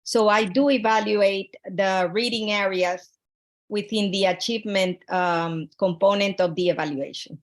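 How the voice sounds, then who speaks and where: A woman from Honduras lays out her study over a video call, earnest and methodical. Her voice sits at a middling pitch, and she keeps stopping to restart phrases and fill gaps with "uh" and "um.". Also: fairly even intonation, measured pace. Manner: earnest, with frequent fillers and restarts. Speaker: graduate student presenting a research proposal.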